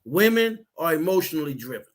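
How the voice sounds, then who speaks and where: Guy with a high voice explaining stuff, earnest, keeps repeating himself. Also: very animated, a little fast. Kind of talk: casual discussion.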